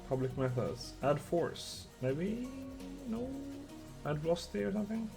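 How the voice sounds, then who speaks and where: A man's voice: a little high, big pitch swings, a little slow, creaky, music in the background. A young man from Sweden with a Swedish accent, chatting casually with viewers and muttering to himself while he codes a game on a live stream.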